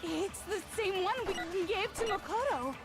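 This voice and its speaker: A woman's voice: very high voice, animated, unhurried, exaggerated voice. A woman voicing a prim young girl student in an anime murder mystery video game. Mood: accusing, grave. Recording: loud game music behind voice.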